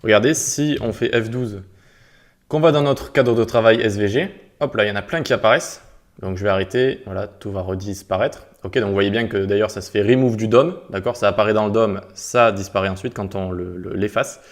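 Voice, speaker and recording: Speaking a little fast in a lowish voice, this man guides viewers step by step through a coding tutorial recorded from his screen. He's a web development instructor with a casual manner who peppers his clicks with "tac" and "hop."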